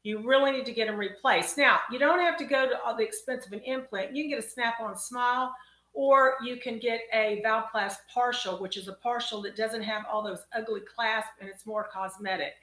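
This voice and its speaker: A woman's voice: a little high, moderate pace, pushed and bright. A woman with a Texas accent, a dentist hosting a casual live-stream Q&A, chatty and folksy as she answers viewers by name. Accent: Texan. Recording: roomy echo.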